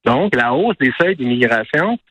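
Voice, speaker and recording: A man's voice: medium pitch, animated, moderate pace, a bit bright, husky, low-quality recording. A man with a Quebec French accent, speaking as an immigration specialist in a conversational, explanatory interview style. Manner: conversational, explanatory, with concrete examples. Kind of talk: radio interview, explaining and arguing.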